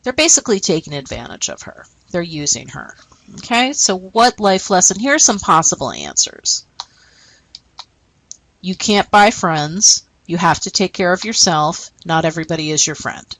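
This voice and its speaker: Lively woman teacher explaining a lesson. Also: on the low side, moderate pace, rough recording. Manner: explanatory, checks in with "okay?". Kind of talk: recorded classroom lesson.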